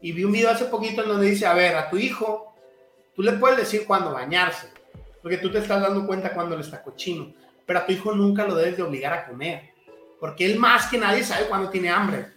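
A man in his thirties with a high voice chats on a podcast. He spins lively, foul-mouthed stories about fatherhood and imitates the people in them. The room has a roomy echo, and soft music plays underneath. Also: brisk. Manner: profane, animated storytelling, mimics voices. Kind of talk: casual podcast chat.

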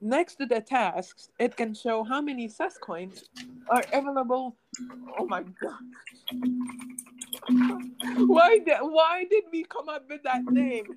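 A woman's voice: high voice, expressive, measured pace, a little hiss or hum, poor audio. A nineteen-year-old woman chatting casually to her viewers, rambling with lots of ums and restarts. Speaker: gaming channel host.

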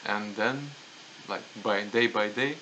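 A young man with a Latvian accent talks casually as a podcast guest. His voice is on the low side and bright. There is some noise and ambience behind him. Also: takes it slowly, lo-fi sound. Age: young adult. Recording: clear background noise, room ambience.

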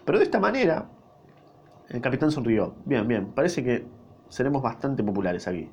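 A man's voice: medium pitch, big pitch swings, moderate pace, darkish tone, highs cut off, slight background noise. A young man with a Rioplatense accent reading a novel aloud, breaking off often for crude, swearing jokes and bursts of laughter. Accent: Rioplatense Spanish. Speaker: reader.

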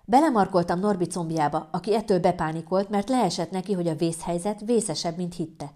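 Egy nő egyes szám első személyű hangoskönyvet olvas fel élénk, humoros mesélő stílusban. Hangja valamivel mélyebb az átlagnál. Tónusa sötét, lágy és meleg. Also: female voice, fairly low pitch. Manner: lively, humorous storytelling. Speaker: narrator. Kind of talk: first-person audiobook narration.

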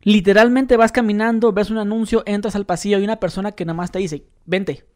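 Blunt, joking Mexican interviewer. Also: male voice, high-pitched, fairly even intonation, fast talker. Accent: Mexican Spanish. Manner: blunt, joking, asks probing questions. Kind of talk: casual interview chat.

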